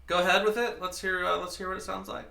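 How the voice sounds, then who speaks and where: A man's voice: high voice, flat delivery, fast, vocal fry, sharp tone, echoey room. A man narrating as game master of a tabletop game in a loose, joking way. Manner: loose, joking, full of fillers and restarts.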